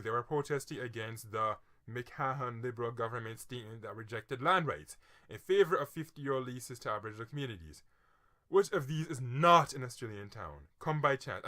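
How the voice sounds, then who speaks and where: A man with a very bright, sharp voice, reading quiz questions and musing over his guesses in a casual, chatty way. He mutters asides and teases himself, and his voice keeps a tense, forceful edge even when he drops low. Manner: chatty, self-mocking guesses, quick mutters and sudden excited outbursts. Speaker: quiz vlogger. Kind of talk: casual thinking aloud while reading a quiz.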